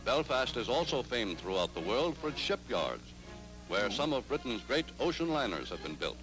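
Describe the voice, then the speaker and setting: A man's voice: medium pitch, sing-song, moderate pace, over music, rough recording. A man giving formal, declamatory documentary narration on an old newsreel soundtrack. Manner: formal, declamatory announcer delivery.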